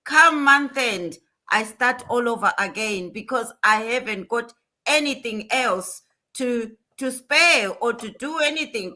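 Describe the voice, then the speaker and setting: A woman's voice: fairly high pitch, pushed and bright. A woman hosting a motivational livestream, talking in an earnest, emphatic way and repeating her points. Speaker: livestream host.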